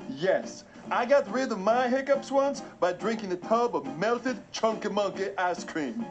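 A woman voicing an excitable, goofy young male buddy, a giggly, bossy know-it-all in a comedy sketch. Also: medium pitch, measured pace, lightly acted. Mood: instructive. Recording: slightly dull audio with music behind.

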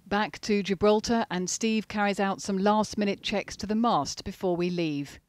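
A woman narrating a sailing travel vlog in a calm, wry tone. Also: mid-range voice, normal speed, dry recording. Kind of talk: scripted voice-over narration. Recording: voice-over with loud music bed. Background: guitar music.

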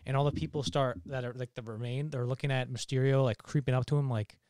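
A man on a movie podcast, excitedly retelling a scene in a rambling way with many fillers. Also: mid-range voice, quick pace, dry recording, clean studio sound. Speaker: podcast panelist. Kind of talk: casual movie podcast chat.

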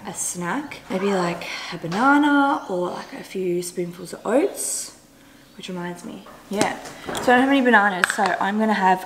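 A young woman chatting casually to a camera a little way off in her home kitchen, as a running vlogger. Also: medium pitch. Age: young adult. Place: indoors, bright home kitchen. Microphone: camera a couple of metres away. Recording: roomy echo, clear background noise.

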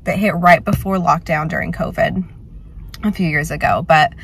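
A woman in her late twenties vlogs in a relaxed, chatty ramble. Her voice is husky and a touch hoarse after a loud night out. She keeps making fun of herself as she talks to the camera. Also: low voice, moderate pace. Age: late 20s. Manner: chatty and rambling, self-deprecating. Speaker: vlogger. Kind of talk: casual vlog chat to camera.

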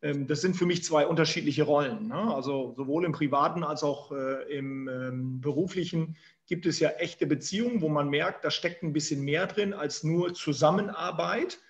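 A man in his forties from Emsland in northern Germany, with a northern German accent, tells his career story as an interview guest, using many fillers. His voice is on the high side at a moderate pace, and the remote-call recording sounds muffled.

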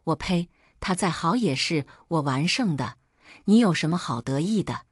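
A woman doing a furious young husband in an audiobook drama, hurling insults in a low-set voice. He is jealous and violent, always on the attack, recorded dry and close. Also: animated, normal speed, husky, no room sound. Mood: mocking. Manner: shouting insults.

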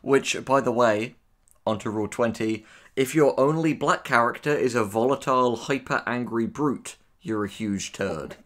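As co-host of a laid-back reaction commentary, this writer reads tips out and reacts with blunt opinions. His medium-pitched voice is fairly bright and moves at a moderate pace.

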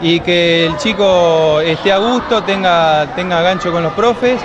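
A middle-aged Argentine man with a high voice, coordinator of a gymnastics school, gives measured, hesitant answers peppered with "eh" about the program into a handheld mic the interviewer holds. The audio sounds dull, and the indoor gym with children carries loud crowd noise in the background.

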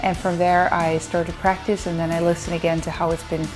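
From a sofa in her living room, a woman in her thirties from the Netherlands answers fan questions to camera with a Dutch accent, playful and chatty and laughing often. Her lowish voice moves little in pitch and runs fairly quick. Music plays underneath, and the recording is low quality.

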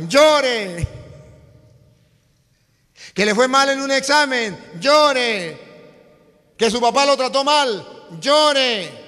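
A male priest with a high, bright voice preaches to young people at an unhurried pace. He is emphatic and repeats himself, speaking straight to the crowd. His voice rings with the long reverb of a large hall. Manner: emphatic and repetitive, addresses the crowd directly. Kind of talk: lively sermon.

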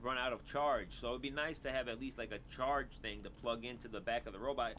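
A man's voice: mid-range voice, steady tone, fast, a bit bright, slight background noise. A man co-hosting a casual chat, talking loosely with many hesitant fillers.

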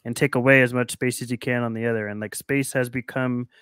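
A man's voice: mid-range voice, fairly even intonation, fast, fairly bright tone, clear, resonant tone, no echo. A man talking basketball on a podcast video call, thoughtful and explaining at length with frequent restarts. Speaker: podcast co-host. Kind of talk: casual sports talk. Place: home room on a video call.

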